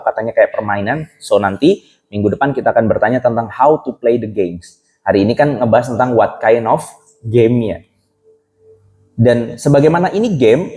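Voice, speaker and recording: A man's voice: medium pitch, warm tone, poor audio. A male preacher giving a casual religious lesson to young people, chatty and full of rhetorical questions to the audience, with English phrases mixed into colloquial speech. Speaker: Islamic preacher teaching youth.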